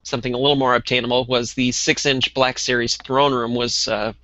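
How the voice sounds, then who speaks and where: A man chatting as co-host of a laid-back podcast, stumbling through ums and restarts. His voice is bright and forward but stays flat in pitch. The audio is dull and dry, like a lo-fi call. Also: a little fast, no echo. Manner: conversational, many ums and restarts. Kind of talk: casual podcast chat.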